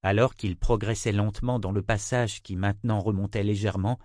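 A man with a low voice reads an audiobook chapter in a measured, expressive way. His voice sits close to the mic in a dry, dead room with no echo. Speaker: audiobook narrator. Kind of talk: scripted narration.

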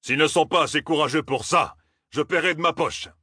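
A man's voice: a little high, brisk, pushed and bright, breathy edge, no room sound, clean studio sound, pitched above the performer's own voice. A man reading aloud and voicing a commanding veteran weapons master.

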